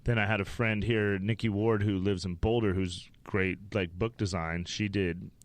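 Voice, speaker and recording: A man's voice: fairly low pitch, fairly even intonation, moderate pace, no room sound. A man from Wyoming, a stand-up comedian, telling rambling, profane stories as a podcast guest. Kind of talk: casual interview storytelling.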